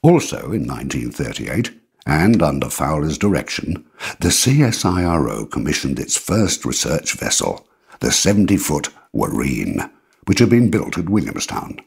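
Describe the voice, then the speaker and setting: A man narrating a historical documentary in a measured, formal way. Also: extremely low pitch, big pitch swings, gravelly, husky.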